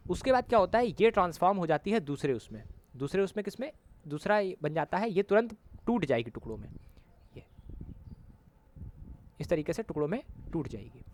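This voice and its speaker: Man teaching geography with constant check-ins. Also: high-pitched. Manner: repeats "ठीक है" often as a check-in; corrects himself mid-sentence. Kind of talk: classroom lesson explaining with diagrams.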